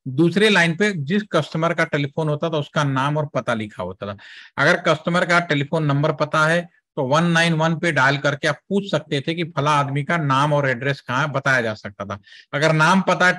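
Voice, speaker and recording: A man with a slightly high voice teaches a networking class. He explains things step by step in a chatty way, mixing English terms into his talk and checking now and then that the students are following. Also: a bit bright. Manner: asks students checking questions. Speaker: networking trainer. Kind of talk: classroom lecture with software demo.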